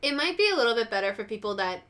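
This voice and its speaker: A woman's voice: on the high side, big pitch swings, racing, fairly bright tone. A woman co-hosting a casual pop-culture podcast, rambling with lots of "like" and acting out reactions in quotes. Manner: rambling, heavy use of "like", acts out reactions in quotes. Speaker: podcast co-host.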